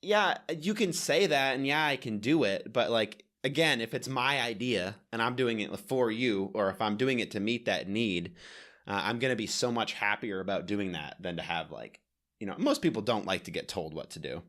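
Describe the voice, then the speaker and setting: A man's voice: fairly low pitch, expressive, moderate pace, fairly bright tone. A man co-hosting a podcast in casual chat, earnest and rambling, often correcting himself mid-sentence. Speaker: podcast co-host.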